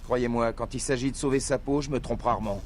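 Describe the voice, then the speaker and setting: A man's voice: medium pitch, fairly quick, a little mellow, slight background noise, lightly acted. A man voicing a wary streetwise pilot. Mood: uneasy. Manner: dry, self-assured warnings. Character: wary streetwise young male pilot, cocky. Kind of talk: video game dub dialogue.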